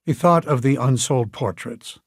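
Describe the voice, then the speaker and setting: Husky male audiobook narrator. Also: medium pitch, dry recording, studio quality. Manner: measured storytelling. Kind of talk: scripted narration.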